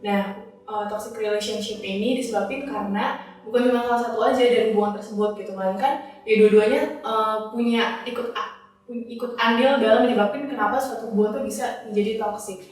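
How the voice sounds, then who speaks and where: A woman's voice: on the high side, fairly even intonation, a little fast, heavy reverb, distant mic. A woman of twenty-one, a university student, gives her opinion casually, explaining her reasoning step by step.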